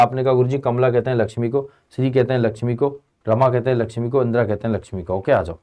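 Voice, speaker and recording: A male teacher on an Indian tutoring channel runs an online exam-prep session in a mid-range voice with a darkish tone. Keeping it casual, he calls students beta and bhai and drills them call-and-response fashion, supplying the answers to his own questions.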